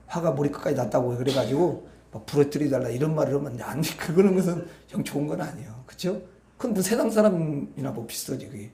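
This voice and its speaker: A man preaching a sermon with a high-pitched voice. He talks conversationally and keeps turning to the congregation for agreement. The sound echoes around a church sanctuary. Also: warm tone. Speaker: pastor.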